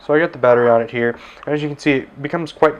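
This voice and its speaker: This ham radio enthusiast reviews a handheld radio at an indoor desk in a relaxed way, leaning on filler words. His medium-pitched voice races along, and the sound is lo-fi.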